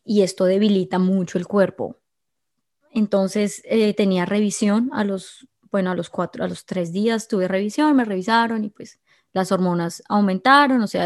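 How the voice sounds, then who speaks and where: A woman telling her viewers a personal story in an emotional, confiding way, often restarting her sentences. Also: medium pitch.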